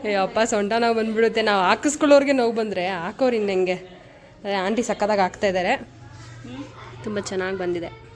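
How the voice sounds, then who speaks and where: A woman's voice: mid-range voice, fairly quick. Chatty young woman vlogging at home. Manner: chatty, laughs often, asks others questions. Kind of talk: casual vlog chat. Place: family home at an engagement function.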